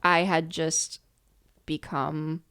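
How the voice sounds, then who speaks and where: A woman's voice: low voice, level tone, drawn-out words, fairly bright tone, clean tone. A woman musician telling a story in a casual interview, laughing often and rambling with fillers. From United States. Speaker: musician guest.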